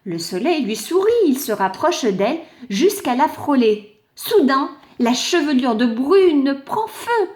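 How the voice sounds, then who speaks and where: A young woman reads a picture-book story aloud in an unhurried way, pausing to explain words for little listeners. Her voice sits high and moves with a lot of lilt. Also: very animated. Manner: gentle, explains words for children. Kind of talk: reading a children's story aloud.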